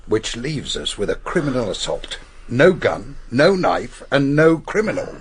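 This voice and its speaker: An actor playing a no-nonsense middle-aged police inspector in a radio drama, clipped and authoritative. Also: male voice, mid-range voice, very animated, unhurried, slight background noise. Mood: brisk, sceptical. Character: brisk, no-nonsense male police detective inspector.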